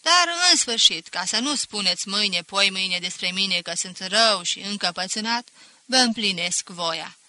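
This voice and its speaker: A woman's voice: medium pitch, bright, forceful tone. A woman voicing a scornful, mocking older male schoolteacher who talks with sarcastic chuckles in an audiobook. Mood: condescending.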